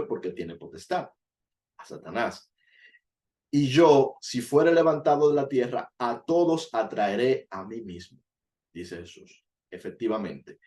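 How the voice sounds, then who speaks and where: Male Bible teacher, earnest and explanatory, mid-pitched voice, punches key words. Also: darkish tone. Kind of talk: Bible study sermon.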